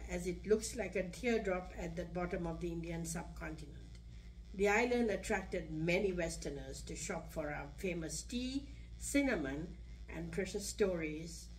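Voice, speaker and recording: An older woman from Sri Lanka, reading her own personal story aloud at a podium in a senior center. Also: fairly low pitch. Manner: measured, reads from a page. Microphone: podium mic. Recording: distant room recording, faint hum.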